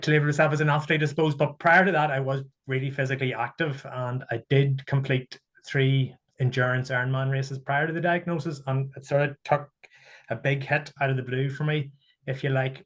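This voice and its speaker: A man from Ireland, a guest speaker talking in an earnest, steady, reflective way over a video call. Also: medium pitch, a little fast. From Northern Ireland. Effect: heard over a video call. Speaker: guest speaker sharing his story. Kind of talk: casual talk on a webinar.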